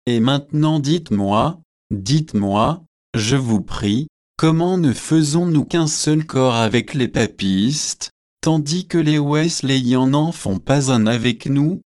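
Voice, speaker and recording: A man's voice: mid-range voice, a little mellow, no echo, studio quality, lightly acted. A man voicing a witty young student who teases and argues, in an audiobook reading. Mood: pressing. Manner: teasing, quick to argue.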